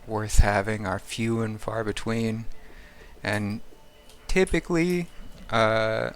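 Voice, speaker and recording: A man's voice: lowish voice, takes it slowly, slight background noise. A man streaming a game live, rambling casually and thinking aloud with lots of fillers. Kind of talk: casual live-stream commentary while playing.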